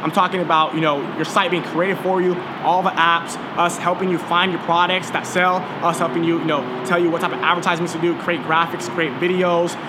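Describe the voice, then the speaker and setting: A man's voice: fairly high pitch, little pitch movement, a little fast, hardly any pauses, background noise. A nineteen-year-old man hosting a podcast in a casual monologue, hyped and salesy, swearing freely. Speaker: podcast host.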